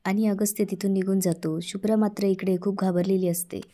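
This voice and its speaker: A woman narrating a recap of a TV serial episode in a steady, even storytelling manner. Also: medium pitch, a little fast, no echo.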